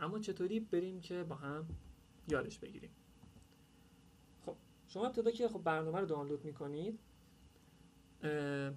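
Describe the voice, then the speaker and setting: A man's voice: on the high side, a little hiss or hum. Chatty man giving an app tutorial. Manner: informal, chatty, many "uh" fillers. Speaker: workshop presenter. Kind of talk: casual screen-share tutorial.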